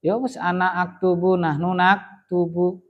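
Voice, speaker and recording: A man's voice: high voice, level tone, measured pace, dull audio. Javanese-accented teacher quizzing his class. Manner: quizzing students, patient and explanatory. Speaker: Arabic grammar teacher. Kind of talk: classroom lesson.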